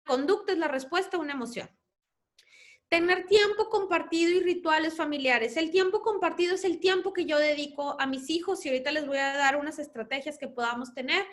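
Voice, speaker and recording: This is a woman with a Mexican accent and a high voice giving a talk to parents on family life. She speaks as a mother herself, explaining her points and acting out what children say at home. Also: a little fast. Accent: Mexican Spanish. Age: adult parent.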